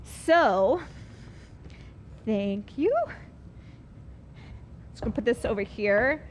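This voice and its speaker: A woman's voice: fairly high pitch, animated, extremely slow, slight background noise. A woman teaching a live online cooking class, chatty and upbeat, explaining each step as she works.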